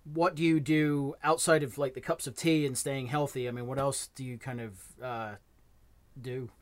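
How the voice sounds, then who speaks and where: A man's voice: medium pitch, fairly even intonation, moderate pace, crowd noise. Rambling male interviewer. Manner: rambling questions, short backchannel replies. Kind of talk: casual interview.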